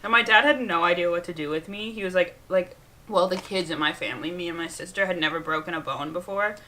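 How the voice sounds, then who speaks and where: A young woman recounts childhood mishaps beside her sister in a relaxed, chatty way. Her voice is bright, and she sprinkles "like" everywhere, laughing through the telling. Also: lowish voice, fast, slight background noise. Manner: lively, lots of "like", laughing through stories. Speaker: co-host, sister. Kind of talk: casual storytelling chat.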